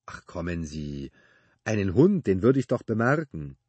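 A laid-back mechanic with a deep, husky voice, as a male narrator plays him, chatting offhandedly in loose everyday speech. It is read close and dry, like an audiobook. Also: normal speed, no room sound, exaggerated voice. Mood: offhand. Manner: relaxed, offhand colloquial talk.

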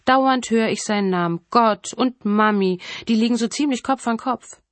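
A woman's voice: on the high side, normal speed, no echo, pitched above the performer's own voice, close to an everyday voice. A woman voicing a grown male killer who sneers and taunts, savoring his power, in a dry, close reading. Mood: taunting.

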